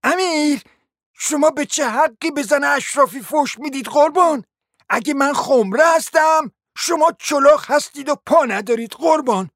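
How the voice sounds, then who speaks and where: A reader doing a shrill, indignant gossiping lady. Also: no room sound, studio quality. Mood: screeching. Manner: high, shrill, shouting accusations.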